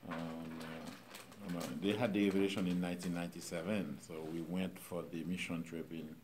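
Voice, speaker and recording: A middle-aged Haitian pastor with a Haitian accent, speaking informally to a church group in a halting way, with many pauses and fillers. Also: male voice, sits low, little pitch movement, a little mellow, a little hiss or hum.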